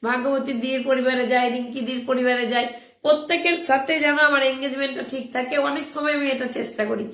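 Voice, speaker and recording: A hoarse woman with a high, sharp, bright voice hosts a casual live-stream chat, briskly coaxing viewers and repeating her calls to act. Her voice rings in a roomy, echoey space. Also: steady tone. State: hoarse from a cold. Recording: roomy echo.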